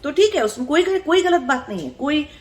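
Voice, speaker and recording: An earnest woman gives a spiritual discourse as a spiritual teacher, her voice high, expressive and a little fast. She explains things, poses rhetorical questions, checks in with the listener, and repeats words for emphasis.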